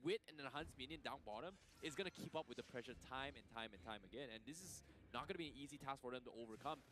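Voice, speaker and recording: A man's voice: mid-range voice, fast talker. A man working as an esports caster, giving live analysis and commentary on a match. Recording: clear background noise.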